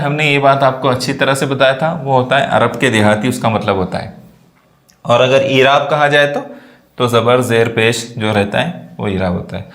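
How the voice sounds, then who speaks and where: A man's voice: medium pitch, fairly bright tone. A male teacher walks through an online exam paper step by step, asking questions aloud and answering them himself. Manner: explains step by step, asks and answers his own questions. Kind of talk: screen-recorded exam walkthrough. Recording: roomy echo.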